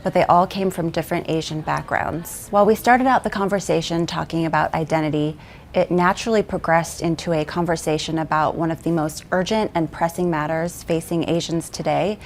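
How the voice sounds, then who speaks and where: An American woman reporter who narrates in a measured, earnest way and asks interview questions. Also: low-pitched, steady tone, slight background noise. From United States.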